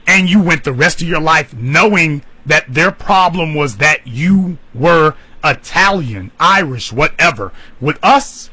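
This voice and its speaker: Fiery, animated male radio talker. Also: measured pace, hardly any pauses, husky, dry recording, low-quality recording. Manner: emphatic, preachy, leaps high in pitch for emphasis. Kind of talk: impassioned talk radio monologue.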